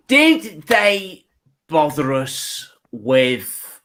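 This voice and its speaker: Slow, chatty self-mocking male comic. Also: on the high side, wildly swooping pitch, a bit bright. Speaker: stand-up comedian. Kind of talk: stand-up comedy set.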